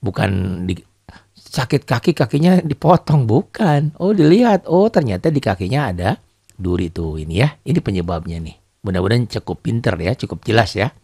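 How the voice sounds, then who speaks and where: A man teaching beginners to read Quran script, posing questions and answering them himself, stretching words out slowly to demonstrate pronunciation. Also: fairly low pitch, vocal fry, breathy edge, dry recording, clean studio sound. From Indonesia. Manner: animated, asks and answers his own questions, drawn-out demonstration readings. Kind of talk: beginner tajwid lesson.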